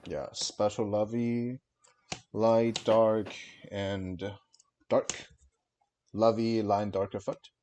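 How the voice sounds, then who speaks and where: Lowish man on livestream headset audio. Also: little pitch movement, mellow, slight background noise. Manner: quick, terse card-game calls with many fillers. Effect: livestream headset mic audio. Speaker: streamer and card game player. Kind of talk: casual play-by-play commentary of his own turn.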